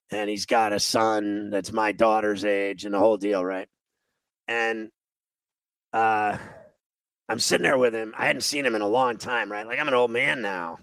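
This is a storytelling monologue from a radio host, a man in his 50s whose gravelly, grating voice carries a long, rambling tale at his own expense. His pitch is lowish and his intonation fairly even, delivered at normal speed with a somewhat bright tone. No room sound is present, and the recording is rough.

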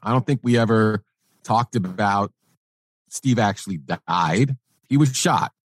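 Male interviewer, lowish pitch, dry recording, matter-of-fact, explanatory, conversational. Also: unhurried, breathy edge, no echo. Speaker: interviewer with music industry experience.

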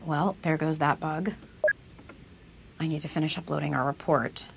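A businesslike agent. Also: female voice, low-pitched, steady tone, moderate pace, gravelly, a little hiss or hum. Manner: businesslike, matter-of-fact. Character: level-headed female federal agent. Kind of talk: audio drama acting.

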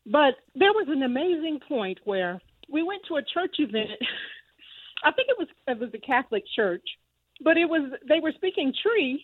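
A woman calling into a radio show, telling a story with animated enthusiasm over the phone. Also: high-pitched, moderate pace, no room sound. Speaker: caller. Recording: phone line.

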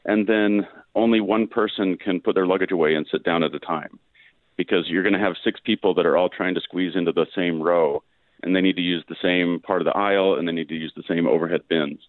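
A man's voice: low-pitched, no echo. A man, a physics professor and guest on a radio show, explains patiently over a phone line that fades in and out, with frequent "um"s.

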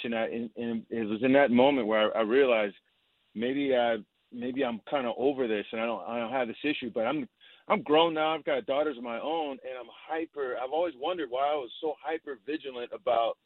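A man in his fifties calling in by speakerphone from his car, speaking haltingly and hesitantly and often repeating himself. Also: mid-range voice, dry recording. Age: 50s. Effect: phone call from a car on speakerphone. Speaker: caller. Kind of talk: call-in confession. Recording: tinny dry phone line.

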